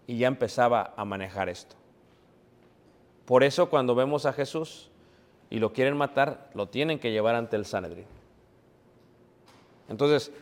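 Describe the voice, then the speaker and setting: Preacher with long hall reverb. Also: male voice, medium pitch. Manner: asks the congregation rhetorical questions and answers them; keeps calling his listeners brothers. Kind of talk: sermon. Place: church.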